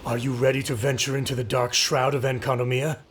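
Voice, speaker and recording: Casting: actor for wry, weary male game soldier, average pitch, plain talker. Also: flat delivery, a little fast, close to an everyday voice. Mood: businesslike. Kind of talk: video game voice acting.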